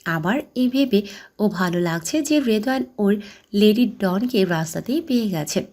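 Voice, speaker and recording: A woman's voice: mid-range voice, lively intonation, normal speed, a little mellow. Woman narrating a romance story.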